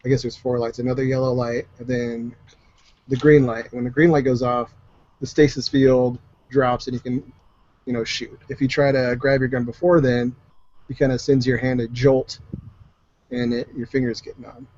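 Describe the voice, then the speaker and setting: A man's voice: medium pitch, flat delivery, normal speed, a little mellow, no room sound. A man narrating a tabletop game as game master, rambling loosely with plenty of fillers and asides. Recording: dull lo-fi recording.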